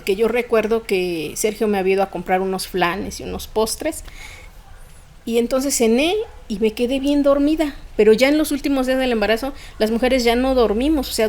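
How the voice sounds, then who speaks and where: Emotional woman with raised pitch. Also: a little mellow. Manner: emotional, fluent retelling with frequent fillers. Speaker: podcast guest. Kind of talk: personal storytelling in conversation.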